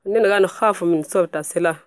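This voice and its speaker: A woman in her twenties speaks with a South Sudanese Arabic accent, answering questions in quick, direct sentences. Her voice is a little lower than most women's and sounds close and dry. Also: dry recording. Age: 20s. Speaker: interviewee. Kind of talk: casual interview answers.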